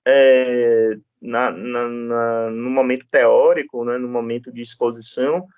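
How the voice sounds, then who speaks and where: A man's voice: medium pitch, fairly even intonation, a little slow, a little mellow, clean tone, no echo, highs cut off. A man lecturing on law, telling stories from his practice with frequent tag questions and restarts. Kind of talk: classroom lecture with anecdotes.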